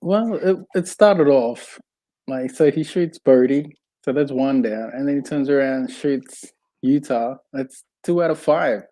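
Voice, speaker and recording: A man's voice: mid-range voice, measured pace, mellow, no echo. A man co-hosting a casual film podcast, chiming in with short, laid-back comments. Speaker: podcast co-host.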